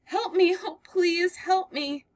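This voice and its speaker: Reading a play aloud, a woman voices a terrified young woman who has fled through a storm, her voice very high and pushed loud. She pleads in breathless, sobbing bursts at normal speed, never getting a break from fear, in a dry recording.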